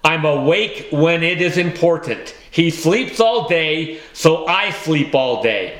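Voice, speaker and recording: A man's voice: fairly high pitch, lively intonation, slow pace, fairly bright tone, roomy sound. A man reading the lines of a grumpy, sleepy, suspicious male house cat in an audiobook, snappish and evasive.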